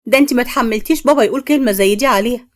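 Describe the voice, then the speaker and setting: A woman's voice: a little high, racing, lightly acted. A woman voicing an indignant young sister with an Egyptian accent. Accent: Egyptian Arabic.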